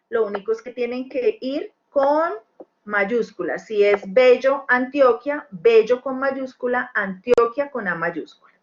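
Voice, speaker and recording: A woman teaching a beginner English lesson, explaining step by step and checking in with the class after each point. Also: fairly high pitch. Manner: patient, checks understanding with tag questions. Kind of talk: recorded screen-share lesson. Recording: dull lo-fi with faint noise.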